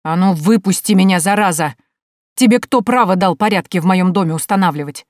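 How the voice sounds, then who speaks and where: A woman reading an audiobook, voicing an enraged drunken middle-aged uncle who shouts threats and insults through a locked door. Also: on the low side, a little fast, no echo, clean studio sound, close to an everyday voice. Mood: furious. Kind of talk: audiobook character voice.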